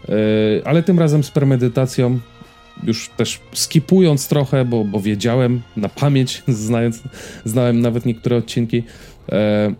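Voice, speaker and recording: This podcast host, a man in his thirties with a mellow, medium-pitched voice, chats casually about personal habits and series. His talk is rambling and hesitant, with frequent repeated words.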